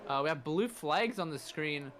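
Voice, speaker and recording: A man's voice: fairly high pitch, animated, normal speed, a bit bright, a little hiss or hum. A man doing live motorsport race commentary, narrating the action play by play.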